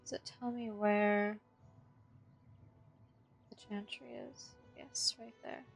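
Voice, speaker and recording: Slow, gravelly woman playing a game. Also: mid-range voice, level tone, faint music behind. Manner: chatty, wry, talking back to the game. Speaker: gaming streamer. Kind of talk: casual gameplay commentary.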